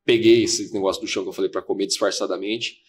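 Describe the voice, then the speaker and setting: A man's voice: low-pitched, fairly even intonation, slightly rough. A man, a podcast guest, earnestly telling a personal story and replaying conversations as they happened. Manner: fast, earnest, replays dialogue. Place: podcast studio.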